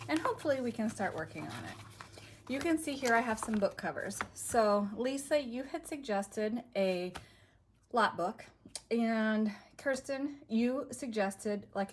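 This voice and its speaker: A winded woman talks casually to her camera, rambling and apologizing as she loses her train of thought. There is a faint hiss of noise behind her voice. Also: fairly high pitch. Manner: chatty, scattered and apologetic. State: out of breath. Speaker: crafting channel host. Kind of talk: casual chat.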